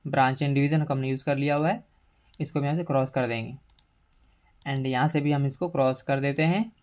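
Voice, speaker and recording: A woman with a low, slightly mellow voice explains a computer program on a screen recording, taking each item in sequence at a moderate pace. She patiently weaves English terms into her explanation while clicks sound in the background.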